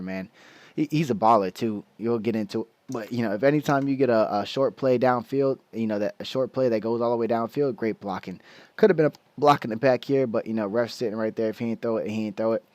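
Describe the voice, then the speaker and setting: A man's voice: fairly low pitch, a little mellow, no room sound. A man giving a casual football film breakdown, loose and slangy, explaining plays with lots of restarts and the hiccups.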